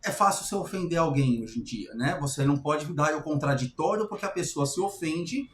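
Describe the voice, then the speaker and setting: A man's voice: on the high side, expressive, fairly quick, slight background noise. A man with a Brazilian Portuguese accent, hosting and commenting casually on a recorded live class in a wry, conversational way. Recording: echoey room with faint ambience.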